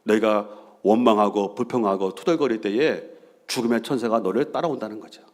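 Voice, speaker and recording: A senior pastor in his fifties tells stories during a Sunday sermon, animatedly acting out quoted bickering and doing the voices. His pitch is fairly low and his pace fairly quick.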